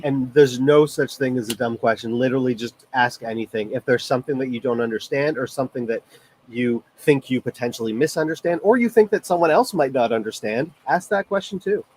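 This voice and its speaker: A man's voice: mid-range voice, a little fast, a little mellow, a little hiss or hum. A man from Toronto with a Canadian accent co-hosting a live webinar, casually explaining in an easygoing, friendly way. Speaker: webinar co-host.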